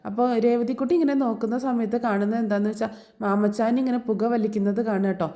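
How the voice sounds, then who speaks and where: A woman's voice: a little high, steady tone, fast, dark tone. A woman narrating a serial episode in a casual, chatty voice-over, often ending her sentences with a little tag word.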